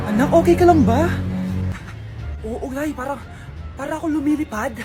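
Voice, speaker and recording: Lady doing funny skits, high voice, music loud behind her. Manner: switches between mother, child and vendor characters. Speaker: comedy skit creator playing several roles. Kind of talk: comedic skit acting.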